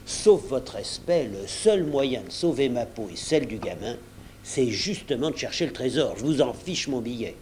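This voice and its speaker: A man's voice: mid-range voice, very animated, normal speed, a little mellow, slight background noise, natural voice. A man voicing a wily, blunt old ship's cook who talks in folksy slang. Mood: pleading, indignant.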